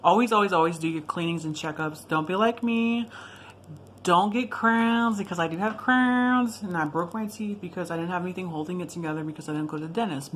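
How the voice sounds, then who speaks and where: Woman, fairly low pitch, casual vlog storytelling, rambling, informal asides, self-correcting, noisy background. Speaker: video blogger. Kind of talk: casual personal storytelling to viewers.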